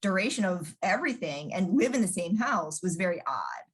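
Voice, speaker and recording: A woman's voice: fairly low pitch, sing-song, fairly quick, slightly rough. A woman, chatting casually as an interview guest and telling stories full of fillers. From New York, USA. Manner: chatty storyteller with many fillers, acting out quoted voices.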